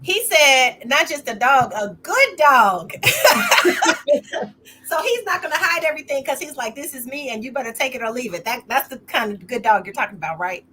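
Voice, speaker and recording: A woman's voice: high voice, lively intonation, normal speed, noisy background. A woman hosting a talk show, asking playful, probing questions. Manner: playful, probing, laughs often. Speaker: host.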